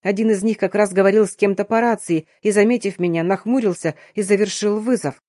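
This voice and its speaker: A woman reading a first-person novel aloud in an even, measured way, close to the mic. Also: medium pitch, no echo. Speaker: audiobook narrator. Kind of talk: first-person scripted narration.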